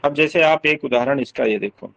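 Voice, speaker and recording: A man teaching English literature terms in casual speech, explaining slowly, repeating sounds and often checking that students follow. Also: mid-range voice, gravelly, fairly bright tone, muffled recording.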